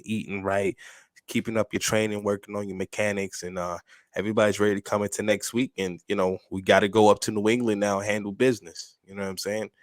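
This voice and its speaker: A man's voice: lowish voice, no echo, clean studio sound. A man with a New York accent co-hosting a casual sports podcast, emphatic and slangy, often asking "you know what I'm saying". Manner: emphatic, slangy, repeats filler phrases.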